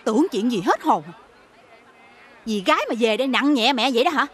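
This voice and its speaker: Actress doing a middle-aged Southern Vietnamese mother, high voice, sharp-tongued, nagging. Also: lively intonation, brisk, some chatter behind, close to an everyday voice. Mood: doting. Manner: shrill scolding and nagging. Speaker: domineering mother and market boss.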